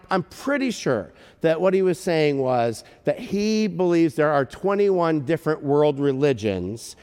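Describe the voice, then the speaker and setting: A male pastor telling a story in a sermon, animated and self-deprecating. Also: fairly high pitch, clear, resonant tone. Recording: long reverb in a church hall.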